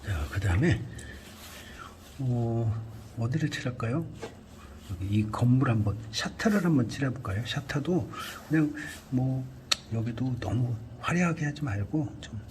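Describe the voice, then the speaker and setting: A man giving a calm painting lesson, talking through each brushstroke and often dropping to a near whisper. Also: mid-range voice, a little slow, slight background noise. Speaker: art instructor. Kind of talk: painting tutorial narration.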